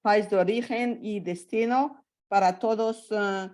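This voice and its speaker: A woman with a foreign accent in non-native Spanish, asking a question haltingly as she searches for words. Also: mid-range voice, steady tone, a little mellow. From not a native Spanish speaker. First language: not Spanish. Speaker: audience member asking a question. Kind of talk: spontaneous question at an online meetup.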